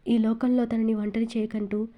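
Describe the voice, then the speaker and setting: A woman's voice: fairly high pitch, flat delivery, moderate pace, highs cut off. A pleading young heroine, read by a woman. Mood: praying. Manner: pleading, earnest.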